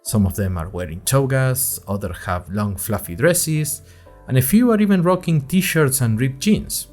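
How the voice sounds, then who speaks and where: A man speaks in a mid-range voice that is expressive, a little slow and slightly mellow, with soft music behind him. As the narrator of an audio fiction podcast, he plays a nervous, chatty young college student giving a wry, conversational account with dramatic flourishes. It's scripted first-person storytelling that reads like a diary.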